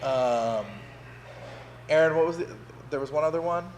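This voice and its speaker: A man's voice: on the high side, moderate pace, slight background noise. Chatty man saying "like" a lot. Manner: talks in a Valley Girl way, says "like" constantly. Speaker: co-host. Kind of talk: casual chat.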